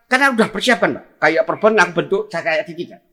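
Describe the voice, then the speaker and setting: A man's voice: a little high, lively intonation, fast, pushed and bright. A man with a Javanese accent telling a story in casual chat, acting out scenes with sound effects. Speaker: guest telling a tall tale.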